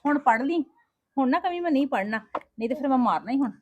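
A woman's voice: high-pitched, expressive, dry recording, phone-quality sound. A woman playing a strict but loving mother who scolds and coaxes her daughters in a family drama. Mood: soothing. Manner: quick, scolding, then coaxing. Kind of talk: homemade family drama acting.

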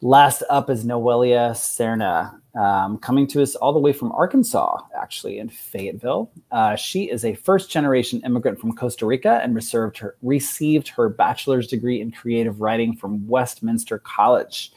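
A man's voice: mid-range voice, normal speed, hardly any pauses, a little mellow, husky. A man hosting an online poetry reading, introducing the next poet in a friendly, joking way with frequent fillers. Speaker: host of the reading. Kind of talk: event introduction.

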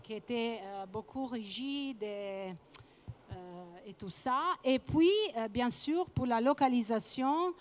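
A woman presents on stage in French as a second language, with a clear foreign accent. Her voice sits fairly high and moves slowly, with searching pauses and repeated words. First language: not French. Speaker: conference presenter. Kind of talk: public presentation. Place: trade-show conference stage, indoors. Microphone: handheld microphone.

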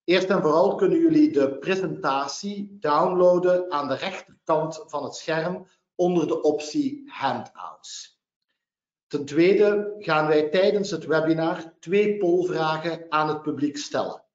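A man with a Belgian Dutch accent hosts a legal webinar, running through practical points and the agenda step by step in a formal tone. His voice sits a little high for a man. The audio sounds roomy and slightly dull. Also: unhurried. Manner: orderly, announcing points one by one. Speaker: webinar host and lawyer.

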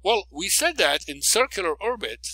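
A man's voice: sits high, big pitch swings, normal speed, sharp tone, no room sound, rough recording. A man teaching a recorded physics lecture, working through a problem step by step, stressing key words and often checking in with "okay?". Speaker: physics professor.

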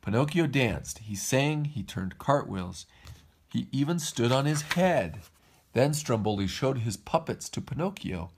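A man's voice: mid-range voice, unhurried, a little hiss or hum. A man reading a storybook aloud to his kids, putting on voices for the characters. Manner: lively read-aloud, puts on voices for each character.

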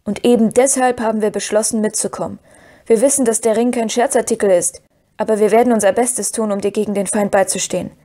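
A woman reading the part of Merry, a calm and knowing young male hobbit who speaks with quiet decisiveness. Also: medium pitch, quick pace, lightly acted. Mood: decisive.

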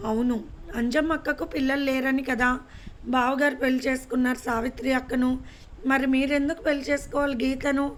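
A woman's voice: high voice, little pitch movement, fairly quick, natural voice. A woman voicing an innocent, bewildered young mother in a storybook reading, asking worried questions.

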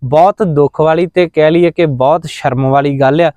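A man speaks with earnest, preaching conviction. His voice is smooth and clear, a little high, and the recording is close and dry. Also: fairly even intonation, moderate pace, mellow, no room sound, highs cut off. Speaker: interviewee. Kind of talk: impassioned religious commentary.

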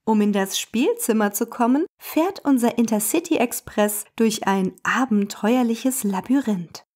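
A woman narrating a children's storybook in a clear, expressive way. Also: on the high side, unhurried.

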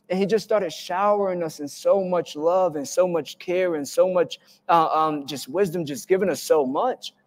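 A man preaching a sermon as pastor, telling stories with lively acted-out quotes. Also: on the high side. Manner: animated storytelling with acted-out quotes. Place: church hall. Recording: church hall with long reverb.

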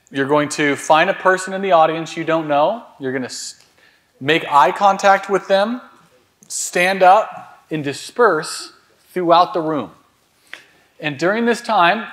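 Here the sales trainer's voice is fairly high but unhurried as he works a live room. Even so, he loudly pushes the audience to move faster and slips in crude jokes along the way.

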